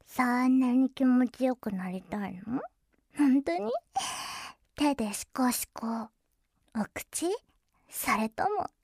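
A woman voicing a teasing, seductive adult younger-sister character in an intimate audio drama, speaking softly and slowly with frequent giggles. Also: sits high, sing-song, husky, no room sound, studio quality, full character voice. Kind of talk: intimate audio role-play.

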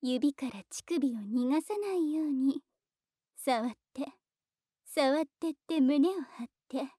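A woman voicing a teasing, commanding dominant woman in a whispered ASMR roleplay, speaking slowly and coaxingly with soft whispers. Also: sits high, lively intonation, no echo, clean studio sound.

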